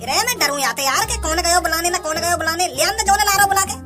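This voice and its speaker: A woman's voice: very high voice, rapid-fire. Woman playing an old stubborn vendor. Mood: defiant. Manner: rustic village dialect, stammering when upset. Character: old male street-food vendor, stubborn and proud. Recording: music playing under voice. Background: background music.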